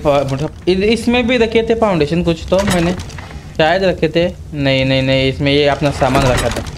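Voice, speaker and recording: High-voiced man narrating his gameplay. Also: moderate pace, slight background noise. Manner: excited, yelps in sudden panic. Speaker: gaming channel host. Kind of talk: casual gameplay commentary.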